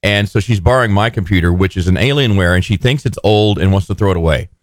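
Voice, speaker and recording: A man's voice: deep voice, fast, no room sound. A man hosting live radio with casual, teasing, joking banter in a studio. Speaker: radio host.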